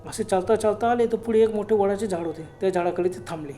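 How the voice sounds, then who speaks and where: A man narrating a ghost story in a dramatic, unhurried way, with exclamations. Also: high voice, warm tone, faint music behind. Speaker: storyteller, channel host.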